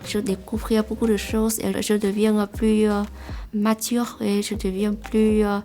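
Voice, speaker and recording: A young Vietnamese woman, an international student, giving a halting testimonial in French with a Vietnamese accent and many pauses. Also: medium pitch, completely flat delivery, mellow.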